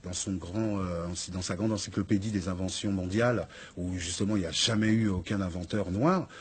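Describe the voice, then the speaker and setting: A man's voice: deep voice, steady tone, brisk, slight background noise. A man speaking as an association's guest in a studio interview, explaining hesitantly with many fillers.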